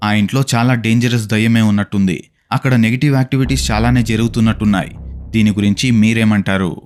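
A man reading scripted narration for a ghost video compilation, in brisk, steady storytelling that now and then asks the viewers questions. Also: on the low side, faint music behind.

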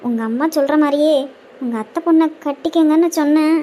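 A meek young granddaughter in a cartoon, as a woman voices her, pleading and apologetic. She speaks in a high voice. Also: brisk, mellow, close to an everyday voice.

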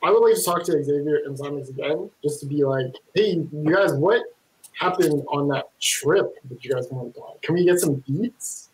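Playful tabletop player with a middle pitch. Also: normal speed, darkish tone, low-quality recording. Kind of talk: casual tabletop play.

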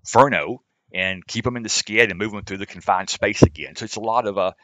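Low, forceful man, rescue team member; halting delivery with frequent fillers, dry mic. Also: no room sound. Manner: many fillers and restarts. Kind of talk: roundtable discussion.

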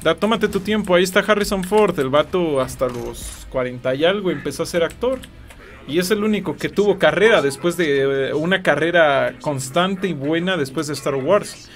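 Young Mexican male streamer, slangy and joking, a touch high, soft music under. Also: normal speed. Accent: Mexican Spanish. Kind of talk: casual chat.

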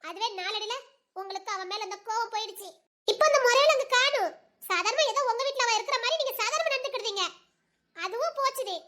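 A woman's voice: very high voice, animated, fast, bright, forceful tone, heavily acted. A woman playing a hurt young village wife who speaks sharply and bitterly to her husband. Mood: reproachful. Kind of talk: audio drama acting.

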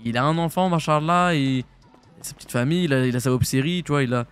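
A young French man streaming a roleplay game, chatting casually in slang and jumping into high shouts. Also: clean tone. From France. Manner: casual slangy banter, quick jumps to high-pitched shouts. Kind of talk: live-stream roleplay chat.

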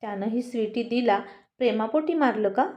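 A woman's voice: on the high side, a little fast, darkish tone, dull audio, natural voice. Woman reading as a sweet naive little girl, kinda pleading. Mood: innocent. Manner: pleading, innocent.

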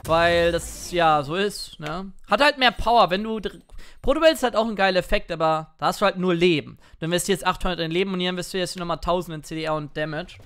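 A man commentating his own gameplay in a playful, excitable way, now and then jumping into shouts. He talks into a headset or desk mic at a home gaming setup. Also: sits high, fast, smooth. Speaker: gaming streamer. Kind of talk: let's play commentary.

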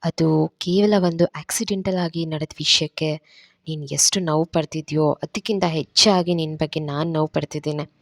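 A remorseful young lover speaks in a low, hushed, pleading voice, as a woman reader puts him on. The sound is dry and close. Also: level tone, normal speed, no room sound, lightly acted. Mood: tender. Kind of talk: dramatized story reading.

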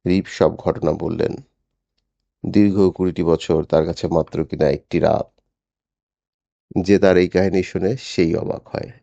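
A man narrating a classic story in steady, measured audiobook style. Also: low-pitched, vocal fry, dry recording, highs cut off.

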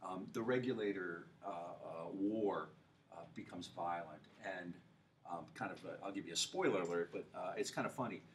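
A man's voice: sits low, moderate pace. A man lecturing a university history class in a loose, joking style, full of fillers and rhetorical questions to the students. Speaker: history professor. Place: lecture hall. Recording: far-off mic with faint hiss.

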